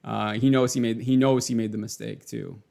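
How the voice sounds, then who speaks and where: A man hosting a casual race recap video. He talks excitably, chuckles often and repeats words. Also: medium pitch, moderate pace, vocal fry. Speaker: racing video host.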